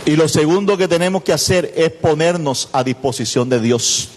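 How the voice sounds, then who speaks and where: A man's voice: a little high, moderate pace, in a large hall. A man, a pastor, preaching a sermon with repeated phrases and calls to the congregation. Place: church.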